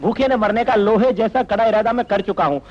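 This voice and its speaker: An actor dubbing a comic, whiny middle-aged police constable who pleads and complains in a self-pitying way. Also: male voice, high-pitched, a little fast. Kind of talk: Hindi film dubbing. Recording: dull lo-fi dubbed film audio.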